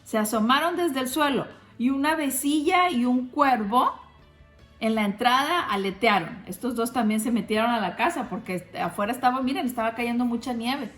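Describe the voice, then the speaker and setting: A woman reading a picture book aloud to children, gently pointing them to the pictures. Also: a little high, moderate pace. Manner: gentle, addresses kids, shows pictures. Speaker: storybook reader. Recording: roomy with faint music.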